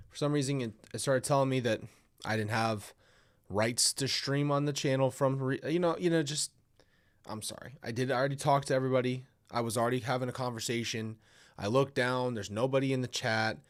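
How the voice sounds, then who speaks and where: Reading stories sent in by viewers, this livestream host chats casually in a brisk, steady, mid-range voice. He's slightly nasal from a stuffy nose, and he rambles, apologizes, and keeps restarting.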